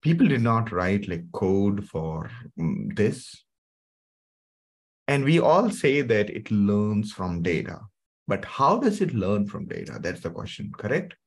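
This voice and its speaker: Husky and unhurried, this middle-aged man's voice swings widely in pitch as he hosts a live online tech webinar in an Indian English accent. He sounds low and soothing, chatting conversationally with frequent fillers like "okay" and "right".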